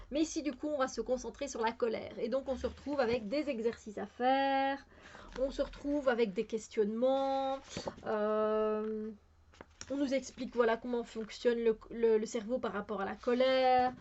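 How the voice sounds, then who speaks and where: Belgian woman, slightly high voice, casual hesitant book-haul chat, lo-fi sound. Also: normal speed, a little mellow. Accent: Belgian French. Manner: hesitant, many fillers and restarts. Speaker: book vlogger.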